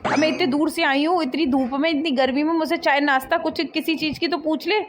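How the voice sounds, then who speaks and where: A woman's voice: high-pitched, fairly even intonation, fast talker, noisy background, natural voice. A woman voicing a nagging, easily offended elderly mother-in-law in a cartoon comedy. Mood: bossy. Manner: scolding, complaining.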